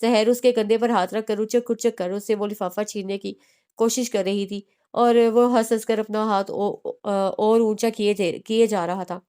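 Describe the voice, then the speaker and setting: Audiobook narrator: woman, steady read of a romance novel, small restarts. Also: mid-range voice, moderate pace, clean tone. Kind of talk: reading a romance novel aloud.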